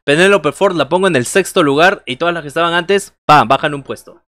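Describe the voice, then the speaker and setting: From a small indoor bedroom, a man in his thirties livestreams casual wrestling commentary, joking with viewers, calling moves, and answering chat. His voice is fairly high and a bit bright, his delivery brisk, with no room sound.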